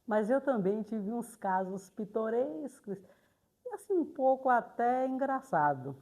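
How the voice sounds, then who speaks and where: An older woman, a retired teacher slowly and reflectively recounting memories in a documentary interview, pausing often. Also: on the high side, expressive, a little mellow. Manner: slow, reflective, pauses often on "é".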